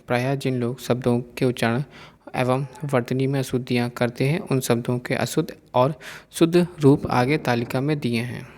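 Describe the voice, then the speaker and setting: A man's voice: mid-range voice, creaky, darkish tone, big-room sound. A man teaching an exam-prep lesson, reading word pairs out one after another.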